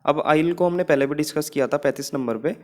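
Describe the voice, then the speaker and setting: A man's voice: fairly high pitch, fast. Indian man teaching vocabulary tricks. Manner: explains memory tricks, repeats phrases, frequent "theek hai". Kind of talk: exam-prep vocabulary lesson.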